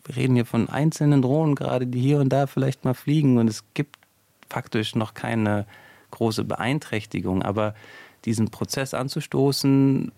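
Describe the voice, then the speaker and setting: A man's voice: mid-range voice, fairly even intonation, moderate pace, vocal fry, dark tone, dry recording. A male sociologist explaining in a radio interview, thinking aloud with fillers as he goes. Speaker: sociologist guest.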